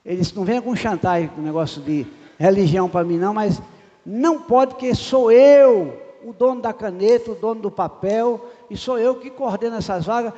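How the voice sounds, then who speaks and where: A man's voice: high voice, moderate pace. An older man, preaching a sermon as a pastor and acting out the voices in a personal story. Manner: animated storyteller acting out dialogue. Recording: muffled reverberant church sound.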